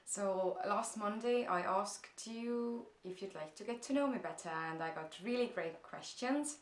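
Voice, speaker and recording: In her debut vlog, shot inside her parents' house, a young woman from Estonia works through questions from viewers in a mid-range voice with an Estonian accent. The room sounds spacious, and her delivery is slow, reflective, and dotted with hesitant fillers like "um."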